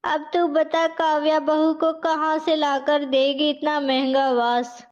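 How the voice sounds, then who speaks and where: A woman's voice: sits high, level tone, slow pace, lo-fi sound. A woman voicing a strict middle-aged mother-in-law who scolds sharply, in a storybook tale. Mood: scolding.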